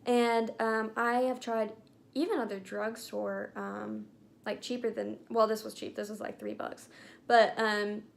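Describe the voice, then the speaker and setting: A woman's voice: fairly high pitch, level tone, measured pace, creaky, a little hiss or hum. A young woman chatting casually about makeup, rambling with lots of filler words. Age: young adult. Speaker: beauty vlogger. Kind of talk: casual chat.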